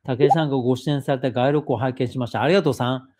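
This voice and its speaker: A man's voice: medium pitch, fairly even intonation, very fast, darkish tone, a little hiss or hum. A man hosting a live stream, reading a viewer's question aloud and then explaining his answer at length in a casual way.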